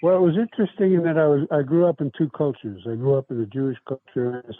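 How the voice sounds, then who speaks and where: A man from South Brooklyn, New York, guests on a casual interview about his life, rambling and halting with many restarts and fillers. His voice is a little high, and the recording sounds tinny and dry like a phone, without room sound.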